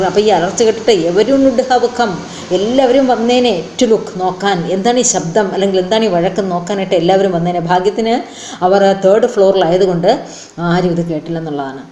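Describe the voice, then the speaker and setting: A woman teacher who reads each English line slowly and then explains it, word by word, in a bilingual lesson. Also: mid-range voice, warm tone, a little hiss or hum. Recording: roomy echo.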